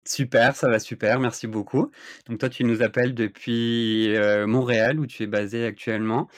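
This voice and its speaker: A man's voice: medium pitch, fairly even intonation, normal speed, dry recording, studio quality. A man hosting a travel podcast, reading a scripted intro then asking questions. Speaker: podcast host. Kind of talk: podcast interview.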